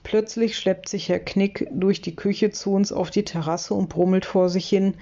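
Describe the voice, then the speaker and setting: An audiobook reader narrating a children's novel in the first person, with lively storytelling. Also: medium pitch, moderate pace, muffled recording.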